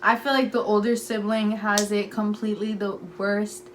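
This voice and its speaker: A young woman chatting casually on a home vlog, her talk packed with "like" as she tells animated stories. Her voice sits at a middle pitch, with a faint noise underneath. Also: normal speed. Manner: chatty, many "like"s, lively storytelling. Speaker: vlogger. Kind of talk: casual sibling chat.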